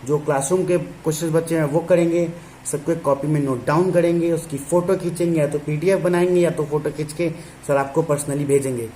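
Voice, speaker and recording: A male teacher voicing his own students in a playful, softer tone. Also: on the high side, fairly even intonation, a little fast, slight background noise, lightly acted. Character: his students, eager young class.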